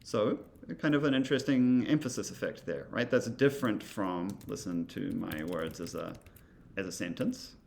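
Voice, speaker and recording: A male instructor casually walking through software, thinking aloud with many fillers and asides. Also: fairly low pitch, normal speed, creaky, a little hiss or hum.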